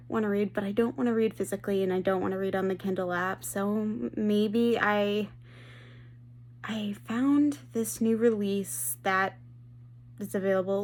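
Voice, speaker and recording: Woman book vlogger, casual and enthusiastic, mid-pitched, prone to restarts. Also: darkish tone. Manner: chatty and enthusiastic, trailing off and restarting sentences. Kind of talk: casual vlog chat.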